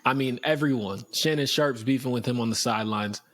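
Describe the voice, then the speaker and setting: A young man with a mid-range voice talks basketball in a relaxed, slangy way. He laughs easily as he trades opinions with his co-host. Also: mid-range voice, fairly quick. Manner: easygoing, laughs often, slangy. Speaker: podcast co-host. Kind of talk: casual sports chat.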